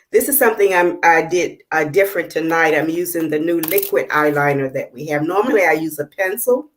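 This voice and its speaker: Woman host, low voice, casual halting tutorial patter on a video call. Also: a little hiss or hum. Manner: halting, many fillers while working; checks the viewers can see. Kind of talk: casual live demonstration.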